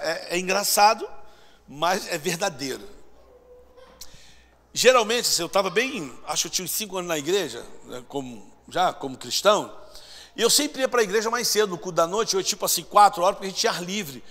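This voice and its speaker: A man preaching a lively storytelling sermon, acting out voices and shouting at times. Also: high voice. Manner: animated, acts out voices and shouts. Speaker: pastor. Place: church sanctuary. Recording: long church hall reverb.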